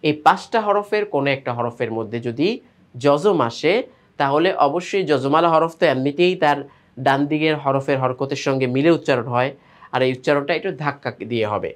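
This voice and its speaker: A man with a Bangladeshi Bengali accent teaching Quran reading, spelling out letters and vowel marks and then reading the words aloud slowly. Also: on the high side. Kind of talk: step-by-step recitation lesson.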